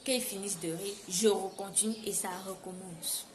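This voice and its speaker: Woman vlogger, Cameroonian French accent, lively casual storytelling, mid pitch, noisy recording. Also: moderate pace. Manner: animated, repeats words for emphasis. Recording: noisy background hiss.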